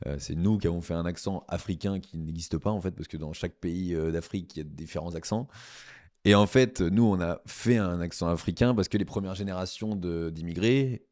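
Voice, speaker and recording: A young French man, a stand-up comedian, talking casually as a podcast guest, with halting restarts. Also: low voice. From France. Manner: animated, halting, many restarts.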